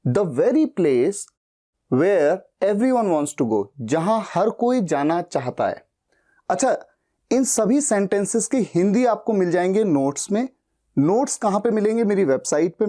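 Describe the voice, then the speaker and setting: A man teaching spoken English, reading example sentences slowly and explaining them step by step. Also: sits high, dark tone. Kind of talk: bilingual language lesson.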